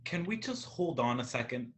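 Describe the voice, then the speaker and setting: A man speaking casually in a hesitant, low-key way. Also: sing-song, normal speed. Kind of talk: casual chat.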